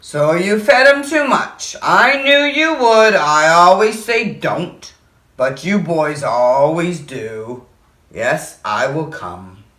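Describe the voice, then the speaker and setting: Slow, tired-sounding old fish guy, knowing and resigned, a woman doing it, storybook voice, echoey. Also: deep voice, animated, a bit bright, voice pushed down, exaggerated voice. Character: knowing, weary older man, fish seller. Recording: echoey room, distant mic.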